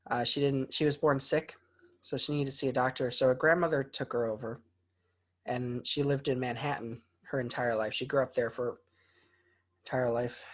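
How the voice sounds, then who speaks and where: A young adult American man, a college student, presents informally to his online class over video call, sounding slightly hesitant. He speaks at a moderate pace in a medium, steady, fairly bright voice.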